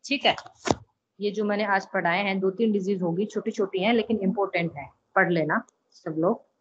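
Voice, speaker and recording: A woman's voice: medium pitch, moderate pace, dull audio, background noise. A woman teaching an online class, reciting classical verses and explaining each one, with frequent check-ins to her students. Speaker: ayurveda lecturer.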